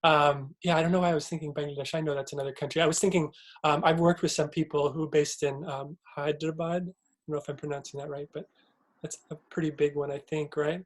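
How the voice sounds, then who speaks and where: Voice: medium pitch, fairly even intonation, fast. An interviewer asking questions in a casual chat, friendly and hesitant, often repeating words as he searches for them.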